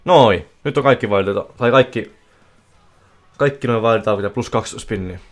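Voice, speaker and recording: A man streaming casino slot games live, giving excitable running commentary that bursts into yelling at big wins. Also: on the low side. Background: faint music playing.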